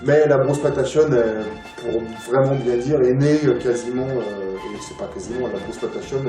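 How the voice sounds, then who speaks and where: A man talks as an interview guest, rambling and pausing often. His tone is mellow and low-key. He sounds distant from the mic in a roomy space, with faint music underneath. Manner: rambling, many filler sounds and restarts. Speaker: interview guest, film collector. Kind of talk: casual interview.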